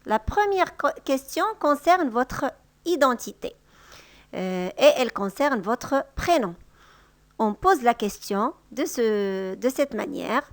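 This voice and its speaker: Woman, high voice, dry close sound, patient teacher, repeats each example. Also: expressive, no room sound. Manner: patient, repeats example sentences slowly and louder. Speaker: French teacher. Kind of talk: slow, clear language lesson.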